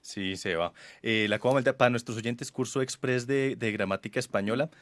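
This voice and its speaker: Man hosting a lively podcast. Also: medium pitch, fairly quick, no room sound. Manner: explains with playful examples, laughs often. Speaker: podcast host. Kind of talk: casual chat.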